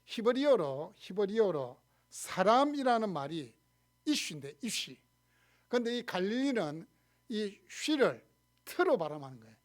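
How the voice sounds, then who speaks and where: A man's voice: sits high, sing-song, moderate pace. A male pastor with a Gyeongsang accent preaching a sermon, telling the story expressively and acting out quoted lines. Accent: Gyeongsang Korean. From Gyeongsang region, Korea. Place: church sanctuary.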